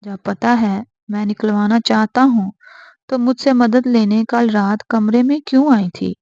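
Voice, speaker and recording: A man's voice: sits high, steady tone, creaky, a little mellow, no room sound, muffled recording. A woman voicing a stern, bossy young husband. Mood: stern commanding. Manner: stern, raises voice.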